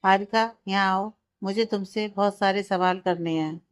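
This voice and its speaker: A serious young lawyer, read by a woman narrator, keeping his irritation in check as he talks firmly. The voice is clear and smooth, close to the reader's own. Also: medium pitch, steady tone, moderate pace, lightly acted. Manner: firm, restrained irritation. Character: serious, short-tempered young male lawyer.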